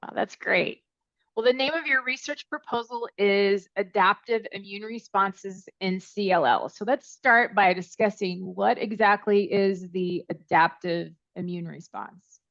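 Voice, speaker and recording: A woman's voice: mid-range voice, measured pace, vocal fry, fairly bright tone, no echo. A woman hosting an interview, introducing the guest and asking prepared questions in a polite, upbeat manner. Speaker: interview host. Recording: dry, dull lo-fi audio.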